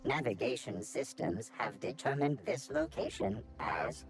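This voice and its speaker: An actor playing a calm automated repair machine in a video game, giving flat, measured announcements. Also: male voice, mid-range voice, close to an everyday voice. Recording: noisy game audio capture.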